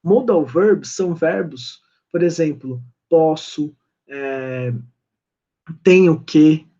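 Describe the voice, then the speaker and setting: A man with a Brazilian Portuguese accent teaching a basic English class, patiently reading English examples slowly and then translating them. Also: fairly high pitch, dark tone, lo-fi sound. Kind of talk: online English class explanation.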